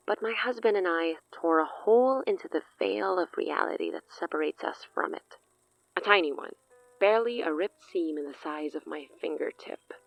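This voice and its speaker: A female performer gives a horror audio drama's ancient sorceress a grandiose, amused air, speaking with eloquent theatricality and hushed asides. Her low, gravelly voice is exaggerated, captured in lo-fi sound with no echo.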